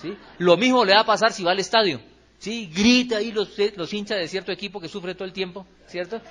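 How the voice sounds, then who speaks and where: A man with a Colombian accent preaching a lively sermon in a church hall, acting out quotes and tossing rhetorical questions to the congregation. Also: high voice, a little fast. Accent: Colombian Spanish. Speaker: pastor.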